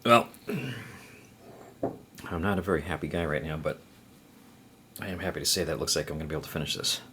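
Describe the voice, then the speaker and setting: A man's voice: extremely low pitch, fast, sharp tone, slight background noise. A man vlogging an eating challenge, talking while chewing with groans and sighs. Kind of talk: casual eating vlog.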